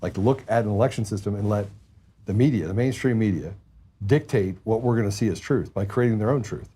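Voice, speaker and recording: A man's voice: lowish voice, a little fast, dark tone, breathy edge. A man hosting a political talk show, blunt and heated, often repeating words as he gets going.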